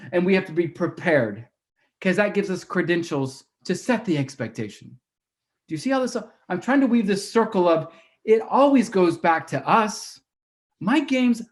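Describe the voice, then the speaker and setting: A middle-aged man who referees gives a motivational talk, acting out what he tells captains and coaches. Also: high-pitched. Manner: animated, acts out his own lines to captains and coaches. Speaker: referee speaker.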